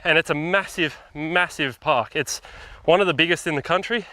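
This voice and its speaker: Bright-voiced man on a hike. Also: on the high side, normal speed, no echo. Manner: laid-back, self-deprecating. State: out of breath. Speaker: guest. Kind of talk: casual chat while hiking. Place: outdoors on a bush hiking trail.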